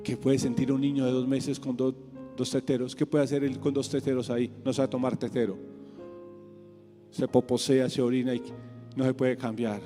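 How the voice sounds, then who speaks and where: A man preaching a sermon as pastor, swinging between quiet asides and loud repeated calls. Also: flat delivery, normal speed, soft background music. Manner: preaching with big swings in pitch and volume, repeating key words. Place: church sanctuary. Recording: church hall reverb with soft instrument behind.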